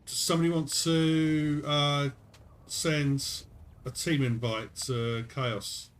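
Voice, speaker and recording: A man streaming a game, chatting casually with a friend and his viewers, relaxed and chuckling. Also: on the high side, slow pace. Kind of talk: casual chat while gaming.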